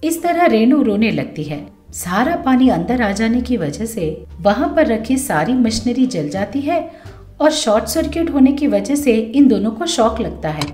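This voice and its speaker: A woman's voice: a little high, big pitch swings, measured pace, warm tone. A woman narrating a cartoon story with dramatic storytelling. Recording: roomy echo with faint music.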